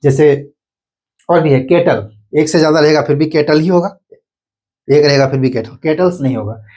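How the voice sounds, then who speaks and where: A man's voice: fairly high pitch, moderate pace, mellow. A man with an Indian accent teaching English grammar, repeating each point and answering his own questions. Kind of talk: explanatory online lesson.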